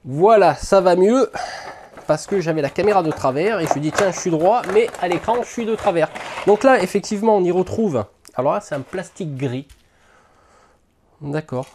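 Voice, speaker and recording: A man's voice: high-pitched, animated, moderate pace, darkish tone, a little hiss or hum. A man hosting a miniatures hobby channel, casually unboxing and thinking aloud to the camera with lots of hesitant fillers.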